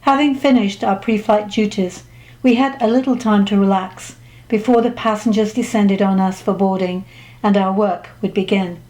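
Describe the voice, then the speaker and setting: A woman reading her own memoir aloud as an audiobook, with measured, descriptive storytelling. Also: medium pitch, fairly even intonation, a little mellow, rough recording. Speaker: author narrating her memoir. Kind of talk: scripted audiobook narration.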